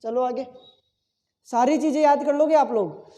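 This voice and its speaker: A man's voice: very high voice, unhurried, dark tone, big-room sound. A male teacher giving an exam-prep lesson full of memory tricks, asking questions and answering them himself and repeating key words several times.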